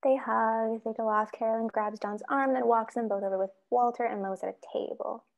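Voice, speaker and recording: Woman with a gravelly voice reading directions. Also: on the high side, steady tone, a little fast. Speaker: narrator reading stage directions. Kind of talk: script read-through narration.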